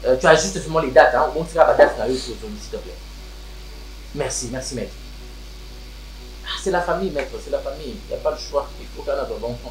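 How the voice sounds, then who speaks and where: A man's voice: mid-range voice, fairly bright tone, slight background noise, natural voice. An actor with a Congolese French accent playing a wealthy man who looks after his siblings, switching between French and Lingala. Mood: eager, grateful. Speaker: wealthy family head. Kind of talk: Congolese TV series acting. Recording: roomy room with background music.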